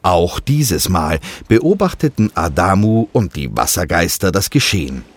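A man reading a children's story aloud with expressive, sing-song storytelling. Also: low voice, measured pace. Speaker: narrator.

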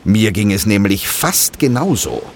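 A man voicing an experienced old shaman who speaks in a calm, pondering way in a storybook. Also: on the low side, a little slow, a little hiss or hum. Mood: thoughtful. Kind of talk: storybook narration.

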